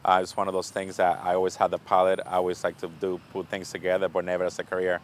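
A man's voice: deep voice, monotone, fast. A man in his thirties from the Dominican Republic, a chef and restaurant owner, talking candidly about his life with easy fillers. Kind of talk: casual self-introduction. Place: restaurant kitchen and gym.

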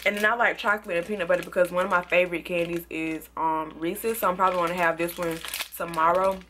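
A young woman reviewing products in a casual, excitable vlog, sometimes talking with food in her mouth. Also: fairly low pitch, fast, background noise. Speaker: beauty and product vlogger.

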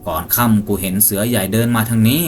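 A man voicing a ghostly impostor posing as a hunter's friend, speaking in a flat, even, unafraid voice in a spooky storytelling. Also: on the low side, quick pace, soft background music, lightly acted. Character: eerie impostor hunter, calm then menacing.

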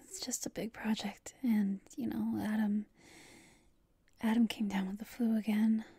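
Once more voicing the sleepy, sheepish girlfriend on a late-night whispered call, she sounds playful, loving and slightly hesitant. The voice is medium in pitch, creaky, dark and slightly rough, exaggerated, with a level tone, measured pace and no echo.

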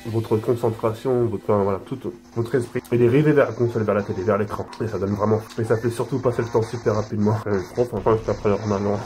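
A man's voice: lowish voice, steady tone, quick pace, few pauses, darkish tone, slight background noise, low-quality recording. A young man vlogging casually while talking with his mouth full, rambling with many fillers. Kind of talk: casual food-tasting vlog.

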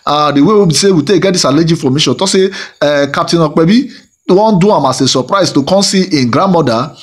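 Brisk and slightly rough, a higher-pitched male voice carries a middle-aged gossip host's rambling celebrity monologue, thick with fillers and repeated phrases. He has a Nigerian Pidgin accent, and Igbo is his first language.

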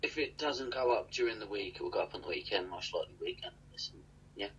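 A man's voice: fairly low pitch, animated, fast, a bit bright, lo-fi sound, a little hiss or hum. A young man co-hosting a casual livestream from a small room, chatting and thanking viewers by name. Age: young adult. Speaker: livestream co-host. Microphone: webcam at desk.

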